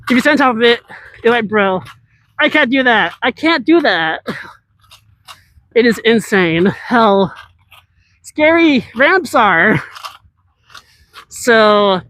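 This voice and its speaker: Chatting casually with viewers, an IRL streamer walks and scooters outdoors through a large city, rambling and answering chat along the way. The voice sits at medium pitch and sounds a bit bright.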